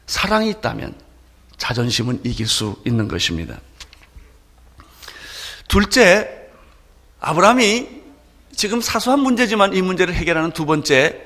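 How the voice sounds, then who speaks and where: A man preaching a sermon as pastor, with animated delivery that swings between loud emphasis and soft asides. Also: fairly high pitch, long reverb tail.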